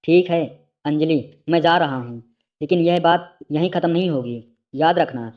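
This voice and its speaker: A man's voice: a little high, normal speed, lo-fi sound, lightly acted. A man voicing a menacing middle-aged male family friend who talks in a cold, mocking way, in a storybook reading.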